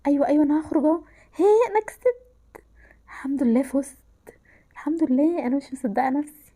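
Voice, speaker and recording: A woman's voice: high voice, very fast, warm tone. A woman with an Egyptian Arabic accent, commenting while she plays a horror game, frightened and exclaiming, often dropping into whispers. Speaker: gameplay narrator.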